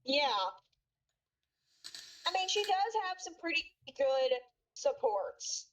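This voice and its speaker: A woman's voice: very high voice, lively intonation, slow pace, fairly bright tone, slight background noise, low-quality recording. A woman in a casual gaming chat, opinionated and blunt, swearing freely.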